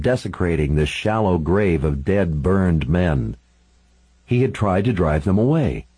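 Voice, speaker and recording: A man's voice: sits low, mellow, breathy edge, rough recording. A man reading a first-person story aloud as an intense, dramatic narration.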